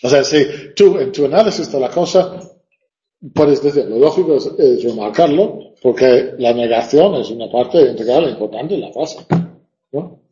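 A man's voice: mid-range voice, expressive, moderate pace, warm tone, echoey room. A male teacher giving a classroom lecture, thinking aloud and reciting verse lines with stressed beats. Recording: dull lo-fi classroom recording.

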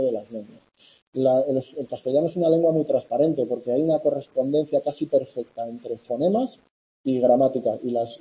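A man from giving a university lecture in a conversational way, often checking in with students and filling pauses. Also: mid-range voice, muffled recording. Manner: conversational, with many fillers and "¿vale?" checks. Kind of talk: classroom lecture.

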